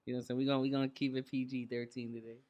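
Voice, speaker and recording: Male podcast host, mid-pitched, loose and jokey. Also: little pitch movement, very fast, a little mellow, lo-fi sound. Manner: loose, joking slang-heavy talk. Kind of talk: casual podcast chat.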